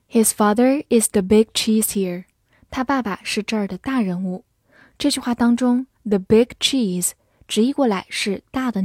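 A female English teacher delivers a scripted vocabulary lesson, spelling each word letter by letter and slowly reading example sentences. Her medium-pitched voice has a darkish tone, captured in a dry, studio-quality recording.

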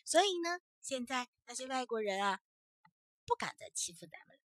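Woman storyteller, children's story narration, emphatic, bright voice, dry sound. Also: high-pitched, normal speed, dry recording. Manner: expressive, emphatic.

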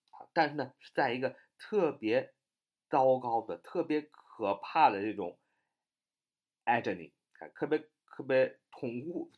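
A man teaching English vocabulary, explaining word meanings and spelling words out letter by letter, with many filler sounds. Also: medium pitch.

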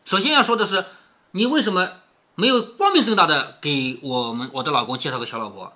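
A man's voice: fairly high pitch, a little fast, pushed and bright. A man reading a classic novel aloud and commenting on it in a conversational way, often tossing in rhetorical tag questions.

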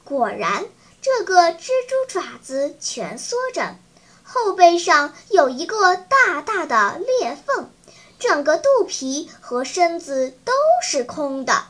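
A woman storyteller reading a children's story in a slow, sing-song, teacherly manner. Her voice is very high and bright and it rises and falls in lively swings, paced gently for young listeners.

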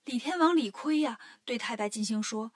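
A woman narrating a children's story in a lively storytelling manner. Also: fairly high pitch, moderate pace. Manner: lively storytelling, voicing every character.

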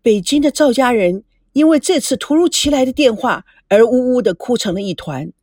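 A woman narrating a novel as an audiobook, expressive and voicing the young characters too. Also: fairly high pitch, normal speed, no echo, clean studio sound.

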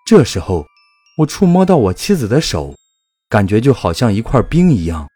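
A man narrating a first-person ghost story in a measured, calm storytelling manner. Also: medium pitch, breathy edge, dry recording.

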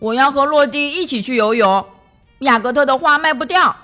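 A woman's voice: high voice, moderate pace, sharp tone, soft background music, voice pushed up. A woman voicing a good-hearted young male duck who talks in an eager, good-natured way. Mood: earnest.

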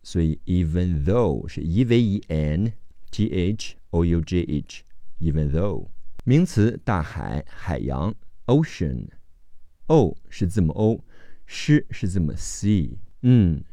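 A man's voice: sits low, sing-song, takes it slowly, dark tone, no room sound. A man teaching English vocabulary, spelling each word out letter by letter in a methodical lesson.

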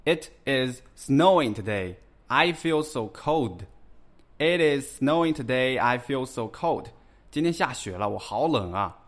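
A man talking at an unhurried, measured pace as he narrates an English lesson. He repeats each English word slowly and carefully, the way a teacher drills vocabulary, and his voice stays in a middle pitch. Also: animated.

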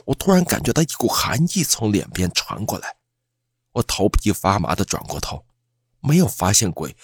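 Man, ghost story narration, suspenseful, breathy, dry close sound. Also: on the low side, no echo.

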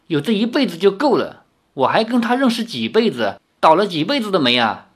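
A man's voice: high voice, sing-song, fairly quick, voice pushed up. A man voicing a cheeky young male rascal in a storybook reading, teasing and sarcastic.

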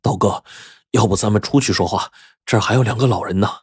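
A man voicing a nervous, indebted man in his late thirties who stammers and talks in a hushed voice. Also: fairly low pitch, fast talker, breathy edge. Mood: pleading.

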